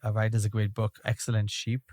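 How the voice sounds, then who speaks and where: A Belgian rabbi appears as a podcast guest, speaking with a Belgian accent in a reflective, wandering interview and frequently asking "right?" to check in. His lowish, darkish voice stays monotone and runs a little fast. The recording is clean studio sound with no echo.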